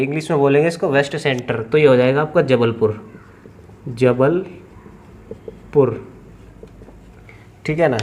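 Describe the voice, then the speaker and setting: A man teaching at a board in a steady, middle-pitched voice, stretching out names as he writes. He poses questions to the class and answers them himself. A faint background noise sits under the recording. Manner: explains step by step, asks and answers own questions; drawls place names slowly while writing.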